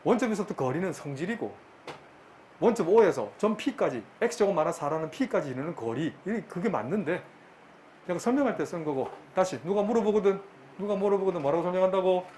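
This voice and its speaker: A middle-aged man lecturing a math class, brisk and bantering, often repeating his questions to the students. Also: high-pitched, animated, a little mellow, slight background noise. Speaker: math teacher.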